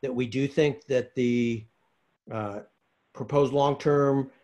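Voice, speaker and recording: A man giving a public comment at an online meeting, halting and full of fillers. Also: mid-range voice, steady tone, darkish tone. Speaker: public commenter for a care program.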